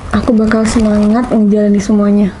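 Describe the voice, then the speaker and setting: A woman playing a devoted young wife who reassures her sick husband in a quick, brisk, caring way, in an amateur skit. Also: mid-range voice, monotone, warm tone, slight background noise, natural voice, poor audio.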